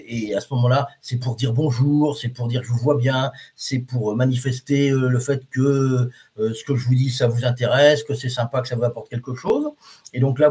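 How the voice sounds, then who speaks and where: A man with a medium-pitched, slightly mellow voice hosts a live reflexology class. He talks to viewers informally, stumbling through fillers and restarts, and reads their comments aloud.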